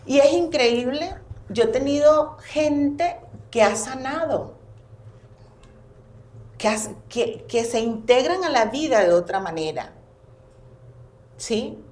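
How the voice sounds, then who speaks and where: A woman's voice: sits high, takes it slowly, pauses often. A woman, a therapist talking animatedly as a podcast guest. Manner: expressive, animated storytelling. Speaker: family constellations therapist, guest. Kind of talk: casual podcast conversation. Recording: roomy echo.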